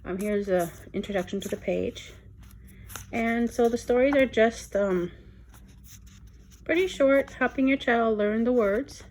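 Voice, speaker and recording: A young woman giving a casual review of a reading program, talking quickly and excitedly with frequent ums. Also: a little high, slight background noise. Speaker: homeschool curriculum reviewer.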